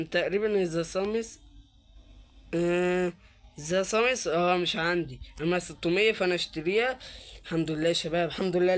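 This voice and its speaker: A gaming YouTuber with an Egyptian Arabic accent provides casual, chatty gameplay commentary in a high-pitched voice. Excitable, he speaks straight to his viewers and mutters repeated words under his breath as he searches.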